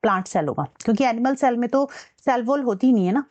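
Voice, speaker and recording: Mellow-voiced woman teaching science. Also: on the high side, fast. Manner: explains step by step, checks in with "ठीक है" and "है ना"; mixes English terms into Hindi speech. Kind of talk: exam-prep science lesson.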